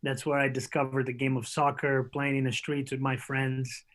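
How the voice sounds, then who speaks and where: A soccer coach from Portugal answering a host's questions over a remote link. He speaks thoughtfully, pausing often with fillers as he gathers his words. His voice sits at an ordinary middle pitch. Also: monotone, fairly bright tone, low-quality recording. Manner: thoughtful, hesitant with many fillers. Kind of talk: interview answers. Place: remote call.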